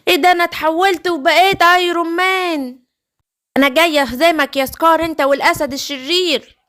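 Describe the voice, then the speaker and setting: A woman's voice: very high voice, fairly even intonation, fast, fairly bright tone. A woman with an Egyptian accent voicing a small, scared male lion cub in a bedtime cartoon story. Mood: excited. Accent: Egyptian Arabic. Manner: tearful, whiny, then boastful. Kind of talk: bedtime story role-play.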